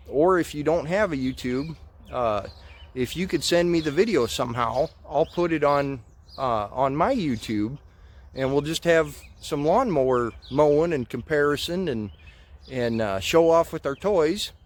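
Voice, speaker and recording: A man's voice: a little high, lively intonation, a little slow. An American man in his thirties chatting casually to camera outdoors in a folksy, hesitant, rambling way, his speech slightly muffled by a lip full of dip. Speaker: vlogger. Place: outdoors in a farmyard. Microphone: camera or phone at about arm's length. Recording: outdoor ambient noise.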